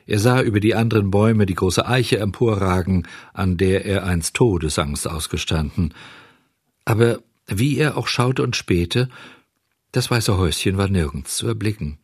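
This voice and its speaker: A man reading a children's story aloud as narrator, calm and measured. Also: on the low side, breathy edge, no room sound, clean studio sound. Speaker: audiobook narrator.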